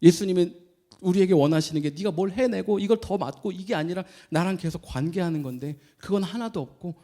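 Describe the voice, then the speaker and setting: Animated Korean pastor preaching. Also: male voice, a little fast. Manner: animated storytelling, acting out voices with big pitch jumps. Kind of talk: sermon.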